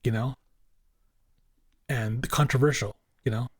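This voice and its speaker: A man's voice: mid-range voice, fairly even intonation, measured pace, husky, no echo. A man co-hosting a casual podcast, rambling and filling his talk with "you know" and repeated words. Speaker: podcast co-host.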